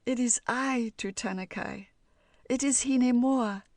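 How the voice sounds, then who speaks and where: A woman's voice: on the high side, a little slow, darkish tone, dry recording, studio quality, voice pushed up. A woman reading the lines of a brave young princess in a fairy tale audiobook, earnest and a little lifted. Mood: tender.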